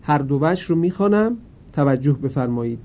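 A man teaching Quran reading in a careful, slow way, now and then chanting a word slowly. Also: expressive, highs cut off. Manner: chants the words slowly, louder and higher. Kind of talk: lesson.

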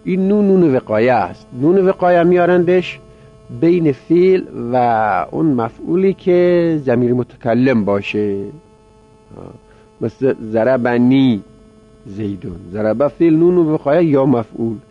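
A man's voice: medium pitch, expressive, faint music behind. A male teacher giving a grammar lecture, explaining step by step and repeating words aloud as drills. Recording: dull lo-fi recording with mains hum.

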